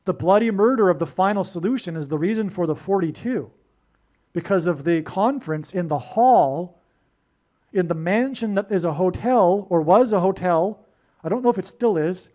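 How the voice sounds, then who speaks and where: A man's voice: high voice, expressive, moderate pace, darkish tone. A man delivering a rambling solo monologue, full of digressions and restarts. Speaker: prophecy video host.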